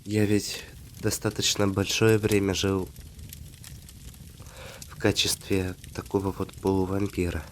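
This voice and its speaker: Man playing slow, low-voiced tender vampire husband, soft ASMR. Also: little pitch movement, a little hiss or hum. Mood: calm, musing. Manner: slow, intimate, hesitant phrasing with pauses. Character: tender, devoted half-vampire husband talking to his wife. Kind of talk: soft ASMR romantic role-play.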